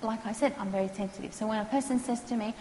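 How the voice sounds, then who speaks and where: A woman, calmly explaining counselling skills to students and acting out what clients say. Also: on the high side. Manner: calm, measured, acts out client quotes. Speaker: counselling lecturer. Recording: echoey hall, faint noise.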